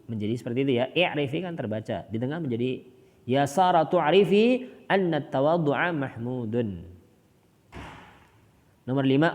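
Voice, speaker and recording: A man gives a recorded Arabic grammar lesson in a somewhat high voice. He reads the example sentences slowly and deliberately, then rushes through his explanations. A long reverb trails behind his voice. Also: a little mellow.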